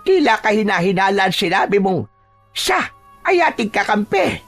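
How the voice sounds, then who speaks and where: A woman's voice: mid-range voice, very animated, normal speed, faint music behind. A woman voicing a worried, vengeful older village woman in a narrated horror audio drama, speaking heatedly and with suspicion. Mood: doubtful.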